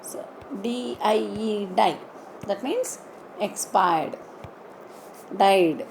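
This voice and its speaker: A woman teaching an online English lesson, slowly spelling out words letter by letter and repeating them. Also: mid-range voice, vocal fry, background noise.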